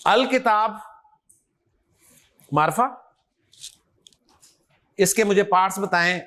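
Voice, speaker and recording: High-voiced man teaching a class slowly. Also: a bit bright. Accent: Urdu. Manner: quizzing, call-and-response, coaxing students. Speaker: Quran grammar teacher. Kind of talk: classroom lecture with questions to students.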